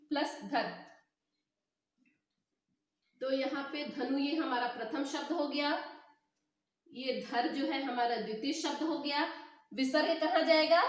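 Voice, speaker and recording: Slow, echoey high-voiced woman teacher. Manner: patient, repeats each step with "ठीक है"; spells out letters slowly. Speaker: Hindi teacher. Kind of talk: whiteboard grammar lesson. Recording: very echoey room.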